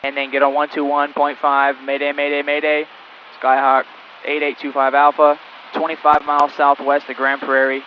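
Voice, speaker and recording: A male flight instructor on a cockpit headset intercom, calmly talking a student pilot through each step in flight. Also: a little high, moderate pace, highs cut off, a little hiss or hum. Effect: heard over a cockpit headset intercom. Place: small plane cockpit in flight.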